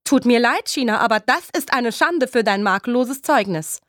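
A woman's voice: fairly high pitch, expressive, moderate pace, fairly bright tone, no echo, clean studio sound, pitched above the performer's own voice. A woman voicing a strict female schoolteacher, speaking in precise, stern tones. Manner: stern, precise teacherly diction.

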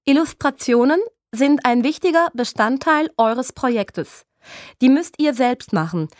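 A woman's voice: sits high, animated, a little slow, no echo, studio quality, voice pushed up. A woman voicing a strict female schoolteacher, speaking in precise, stern tones. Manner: stern, precise teacherly diction.

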